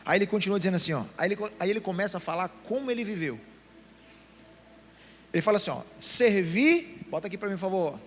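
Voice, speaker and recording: A man's voice: high voice, rapid-fire, long pauses, slight background noise. A middle-aged man with a Brazilian Portuguese accent preaching a sermon to a meeting of pastors, acting out the voices he quotes. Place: church meeting.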